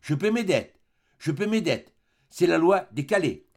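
A man's voice: on the high side, very animated, unhurried, a little mellow, pitched above the performer's own voice, heavily acted. A man reading an audiobook, voicing a wild, mocking young woman in a raised voice. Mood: gleeful. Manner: mocking, playful.

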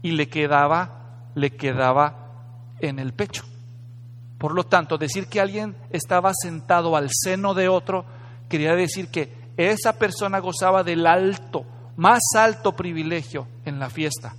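A man preaches in a bright, high voice with a crisp edge. He talks dramatically and conversationally, asking questions of his listeners, and his voice carries with long reverb through a hall. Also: normal speed, slight background noise. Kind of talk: sermon. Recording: echoey hall.

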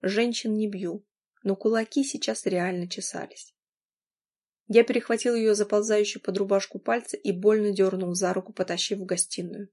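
A woman narrating a first-person audiobook in a dramatic, expressive way. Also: medium pitch, normal speed.

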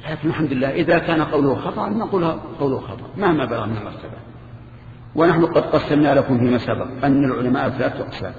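An older man, teaching a religious lesson in a conversational way, with halting restarts and questions to his students. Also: medium pitch, expressive, noisy background. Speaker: Islamic scholar teaching a lesson. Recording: echoey hall, muffled lo-fi archive tape.

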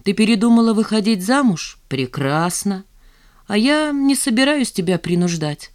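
A woman's voice: mid-range voice, expressive, normal speed, a little mellow, voice pushed up, natural voice. A woman reading the part of a jealous, brooding young man in an audiobook, gloomy and reproachful.

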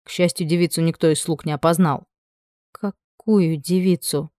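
Calm, mellow woman narrating a novel. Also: low voice, dry recording, clean studio sound. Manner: calm and measured. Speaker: audiobook narrator. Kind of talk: scripted narration.

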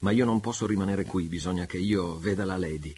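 Deep, husky, impatient, a man doing a passionate pirate leader. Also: brisk, a little mellow. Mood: impassioned. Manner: impatient, intense, brooding. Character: fiery young pirate chief, impassioned lover.

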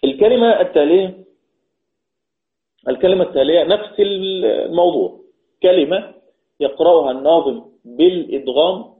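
Egyptian male teacher over a tinny line. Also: a little high. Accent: Egyptian Arabic. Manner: explains step by step, asks students questions; chants verse lines slowly. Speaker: Quran recitation teacher. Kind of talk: recorded online lesson.

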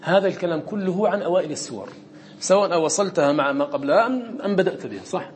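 A man's voice: high-pitched, very fast. A man teaching a Quran recitation class, asking his students questions and answering them himself. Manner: quotes lines of verse in a raised voice. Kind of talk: classroom lesson explaining a verse text. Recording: faint background noise.

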